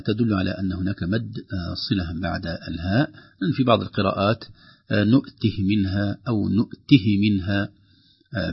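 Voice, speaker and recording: A man teaching Quran recitation rules, slowing down to demonstrate how each sound is pronounced. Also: deep voice, vocal fry, slightly rough, muffled recording. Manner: slows and stretches sounds to demonstrate pronunciation. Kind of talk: tajweed lesson with recited examples.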